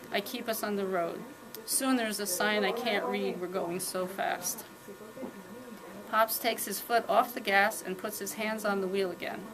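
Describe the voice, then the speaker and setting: A woman reading her own first-person fiction aloud at a live reading, with calm, steady storytelling. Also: medium pitch, low-quality recording.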